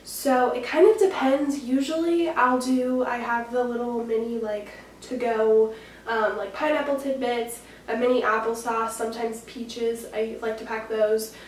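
A woman's voice: fairly high pitch, fairly even intonation, unhurried, slight background noise. A nineteen-year-old woman chatting casually in a vlog from home, full of fillers. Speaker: vlogger. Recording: echoey room, mic far off.

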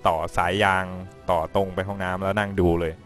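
A lower male voice calling a game stream in a laid-back, chatty way. He laughs easily and offers advice to viewers between lane calls. Faint music sits behind him. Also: little pitch movement, brisk, a bit bright. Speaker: esports commentator. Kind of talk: casual game commentary.

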